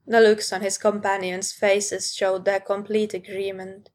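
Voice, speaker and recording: With a level, slightly mellow voice of medium pitch, a woman narrates a fan fiction story at an easy pace, pitching up for the lines spoken by characters.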